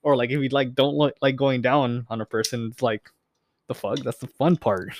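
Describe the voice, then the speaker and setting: A man's voice: mid-range voice, fairly even intonation, normal speed, slight background noise. A young man hosting a podcast, chatting loosely with lots of fillers and swearing. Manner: loose, profane, filler-heavy rambling. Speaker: podcast host. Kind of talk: casual chat.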